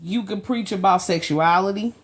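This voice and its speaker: A woman co-hosting a podcast discussion, speaking emphatically with a preaching cadence and slow, stressed phrases. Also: medium pitch. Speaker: podcast co-host.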